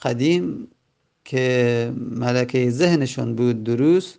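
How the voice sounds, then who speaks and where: Gravelly man drilling grammar forms. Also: mid-range voice, warm tone. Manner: drills forms by slow repetition, stretching out the words. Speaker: Arabic grammar teacher. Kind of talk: classroom lesson.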